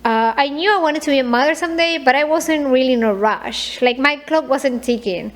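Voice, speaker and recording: A woman in her thirties speaking to camera in a confessional vlog. Her voice sits a little high, and she talks softly and haltingly, stopping often to restart her sentences. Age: 30s. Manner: soft, hesitant, with frequent fillers and repeats. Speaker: vlogger.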